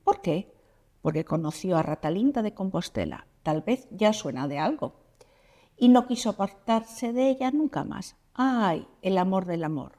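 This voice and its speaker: A woman's voice: mid-range voice, expressive, moderate pace, warm tone, lightly acted. A woman voicing a chatty mouse who tells a storybook tale and teases the listeners with questions. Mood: playful. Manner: playful, teasing the listeners with questions. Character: chatty mouse storyteller, descendant of a prince's pet mouse. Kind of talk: storybook narration.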